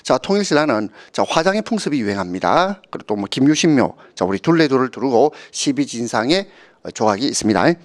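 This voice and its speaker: This man, from Korea's Gyeongsang region, gives an exam-prep history lecture in a mid-range voice that is very animated and fairly quick. He often checks in with students through short tag questions, tells anecdotes, and acts out the people he quotes.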